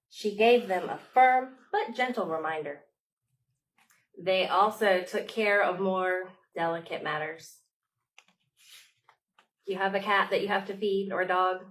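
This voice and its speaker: Reading aloud to young children at storytime, a woman uses an expressive delivery and dramatic pauses, much like a children's librarian. Her voice is medium-pitched, and the audio is rough.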